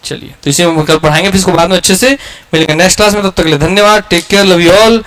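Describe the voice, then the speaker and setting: High-voiced male teacher quizzing his class. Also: fairly even intonation, fast talker, fairly bright tone, a little hiss or hum. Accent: Chhattisgarh. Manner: asks the class questions and repeats key answers. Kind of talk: classroom lecture.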